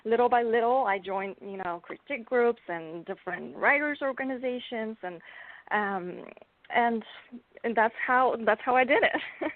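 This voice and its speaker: A native Bulgarian speaker from Bulgaria chats casually as a guest author in an interview, laughing often and filling pauses with ums. Her voice is on the high side with lively intonation and a normal pace. The line sounds dry and tinny, like a phone.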